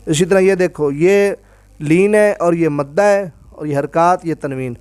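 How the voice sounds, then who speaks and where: A man teaching Quran reading in a recorded lesson, patiently sounding out each syllable slowly and drawing out the long vowels. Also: a little high, a little mellow. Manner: clears throat now and then.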